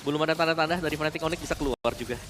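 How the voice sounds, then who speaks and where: A man's voice: a little high, racing, background noise. A man with an Indonesian accent giving live analysis as an esports commentator, with game announcer hype. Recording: music behind.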